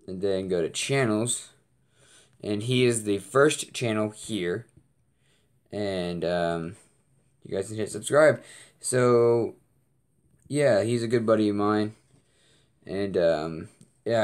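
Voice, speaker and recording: A man hosting a reaction video, talking casually and hesitantly with many pauses and fillers. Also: on the low side, a little mellow. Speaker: host of a reaction channel.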